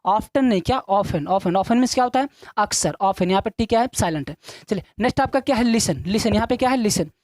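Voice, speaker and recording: Quick and mid-range, with a darkish tone and no room sound, a woman runs an English lesson on video in classroom style. She asks questions only to answer them herself, repeats each point in drills, and speaks to the students as children.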